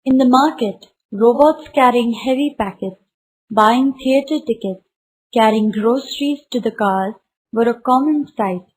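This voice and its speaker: A woman, reading a textbook story aloud slowly and carefully for a class. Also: fairly high pitch, a little mellow, breathy edge, rough recording. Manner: slow, careful read-aloud.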